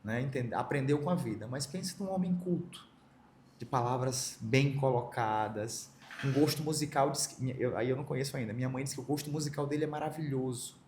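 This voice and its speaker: As an interview guest on a podcast, a middle-aged Brazilian man emotionally recounts a deeply personal reunion, vividly slipping into the voices of the people he quotes. His mid-range voice is a little fast and a little mellow, echoing in the room over a faint background hiss.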